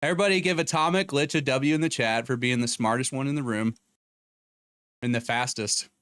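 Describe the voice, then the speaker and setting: A man's voice: medium pitch, steady tone, fairly quick, a bit bright, clear, resonant tone, no echo, clean studio sound. A young adult man hosting a casual live stream, joking and reading out viewer names and donations at a desk mic in a home room. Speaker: streamer host. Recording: faint background music. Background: background music.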